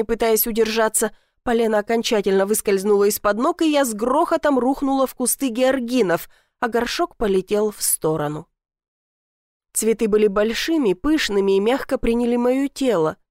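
Young woman, first-person audiobook narration, lively indignant telling, dry close sound. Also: medium pitch, no room sound.

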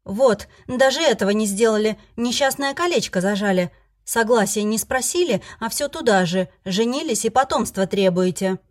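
A woman voicing a furious, indignant young heroine with a shrill, shouting delivery. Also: normal speed, hardly any pauses, natural voice. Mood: bitter.

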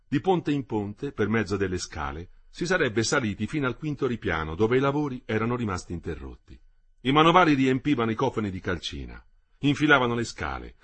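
A man narrates a novel in a husky, slightly breathy voice. His pitch moves a lot, giving the reading a lively, expressive rise and fall. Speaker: audiobook narrator. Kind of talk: literary reading aloud.

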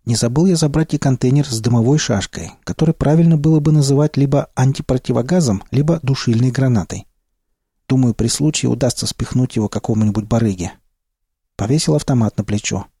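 A man narrating a first-person audiobook in a steady, low-key way. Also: brisk, breathy edge, no echo, studio quality.

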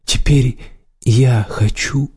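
A man voicing a calm, cold male sorcerer who speaks evenly and slowly. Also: mid-range voice, slightly rough, exaggerated voice. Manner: even, measured, unhurried.

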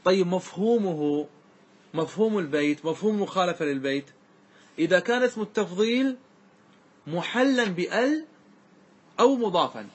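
Husky-voiced man teaching grammar. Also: high voice, expressive. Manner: asks the class questions and answers them, recites verse lines slowly. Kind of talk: classroom lesson on classical grammar.

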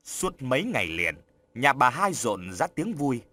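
A man reading an audiobook story aloud in an expressive storytelling manner. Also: mid-range voice, unhurried. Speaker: narrator. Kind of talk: scripted audiobook narration.

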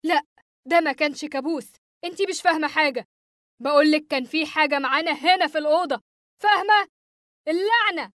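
A woman's voice: on the high side, steady tone, racing, no echo, studio quality, lightly acted. A woman voicing a frightened, angry young husband in a horror story, with an Egyptian accent. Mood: agitated, insistent. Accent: Egyptian Arabic. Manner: shouting, shaky and desperate.

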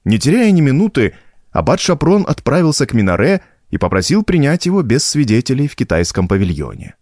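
Male narrator, expressive, dry studio read. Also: mid-range voice, brisk, no room sound. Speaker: reader. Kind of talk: audiobook narration.

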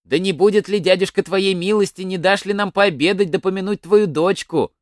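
A man's voice: high voice, fairly even intonation, a little fast, no echo, clean studio sound, pitched above the performer's own voice, lightly acted. A man voicing a group of meek wandering beggars in a folk tale, asking pleadingly.

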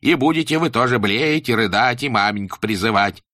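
Guy putting on a stern old-school schoolmaster, high and loud, drawn-out rhyming preachy lines, bright dry sound. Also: lively intonation, no echo. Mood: gloating. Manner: rhyming sing-song preaching, slow and emphatic. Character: stern pompous old-time male schoolmaster.

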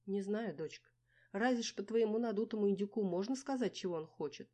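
A woman's voice: medium pitch, fairly quick, warm tone, voice pushed up, lightly acted. A woman reading an audiobook voices a chatty, fussing middle-aged mother who exclaims, laments and teases.

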